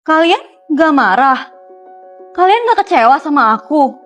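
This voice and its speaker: A woman's voice: high voice, animated, unhurried, fairly bright tone. A woman playing a whiny young daughter. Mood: anxious. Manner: whiny, pleading. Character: young adult daughter, sweet and lovestruck. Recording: music clearly under the voice.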